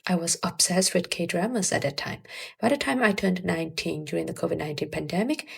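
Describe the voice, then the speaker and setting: This language-learning vlogger is a woman in her early 20s whose first language is Burmese. Her voice is very creaky and somewhat low, and she moves fairly quickly through scripted advice addressed to her viewers.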